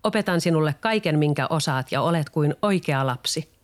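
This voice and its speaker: A man's voice: on the high side, expressive, natural voice. A man voicing a kindly, proud old carpenter, close to his own voice. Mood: fond. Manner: warm, proud.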